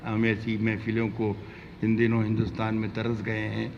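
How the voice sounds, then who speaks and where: A man with a very creaky voice talks informally to a poetry audience, offering conversational asides and explanations. The sound has long hall reverb and is slightly dull, with faint noise. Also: lowish voice, monotone. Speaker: poet addressing the audience at a mushaira. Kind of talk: informal stage talk between verses. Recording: muffled, noisy recording in a reverberant hall.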